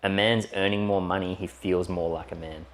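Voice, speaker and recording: A man's voice: deep voice, fairly even intonation, normal speed. A man talks through health topics on a casual podcast. He rambles a little, piling up fillers as he explains. His tone stays easygoing and conversational. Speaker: podcast co-host.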